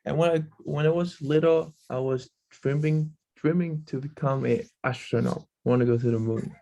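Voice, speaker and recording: A man's voice: fairly high pitch, fairly even intonation, normal speed, gravelly, warm tone, dull audio. A man casually introducing himself in an online meeting.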